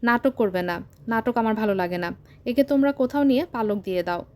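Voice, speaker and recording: Woman reading as a sharp, irritable mother. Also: fairly high pitch, brisk, natural voice. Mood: irritated. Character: bitter, irritable grieving mother.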